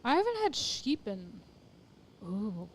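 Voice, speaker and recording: A woman's voice: medium pitch, big pitch swings, takes it slowly. Woman co-host on a gaming stream; teasing, playful banter. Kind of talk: casual gaming chat.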